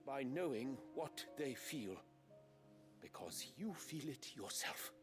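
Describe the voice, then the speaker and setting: A man's voice: medium pitch, lively intonation, slow pace, over music. An actor playing a humbled, stately nobleman in a video game, speaking formally and solemnly. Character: humbled stately imperial nobleman, contrite father.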